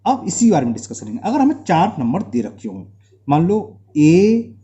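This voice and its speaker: A man's voice: a little high, very animated, moderate pace, mellow. A man with an Indian accent teaching a maths lesson, quizzing the class and repeating terms, with slight trouble speaking from mouth sores. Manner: asks the class rhetorical questions, drills terms by repetition.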